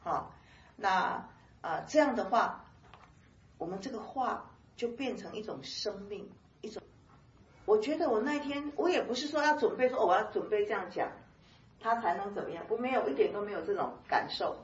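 A woman giving a conversational sermon-style Bible teaching, lively and chatty, laughing often and dotting her talk with soft filler particles. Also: mid-range voice, moderate pace, roomy sound, far from the mic, dull audio.

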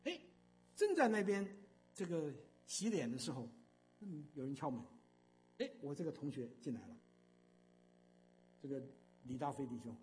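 Older man, high voice, very lively pitch, emphatic church storytelling, lots of fillers. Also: moderate pace, pauses often, slight background noise. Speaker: speaker giving a testimony. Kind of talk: storytelling sermon.

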